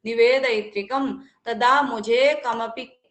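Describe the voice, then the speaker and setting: A woman teaching a live online class, reading verses slowly and then explaining them in a conversational way, greeting students as they join. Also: a little high, fairly even intonation, a bit bright, echoey room. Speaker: Sanskrit teacher.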